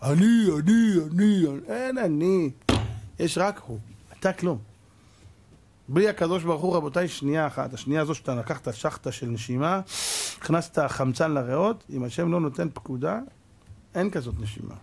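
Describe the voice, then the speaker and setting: High-voiced man preaching with animated storytelling. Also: gravelly. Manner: animated storytelling, acts out dialogue, repeated rhetorical questions. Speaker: rabbi. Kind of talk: Torah lesson sermon.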